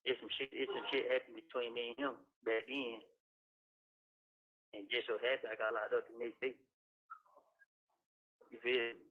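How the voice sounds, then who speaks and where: A man's voice: medium pitch, little pitch movement. Man talking over a tinny jail payphone. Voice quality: mumbling, halting, many restarts. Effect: jail payphone call, tinny phone line. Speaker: jail inmate on a phone call. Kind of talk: casual phone chat. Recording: tinny recorded phone line.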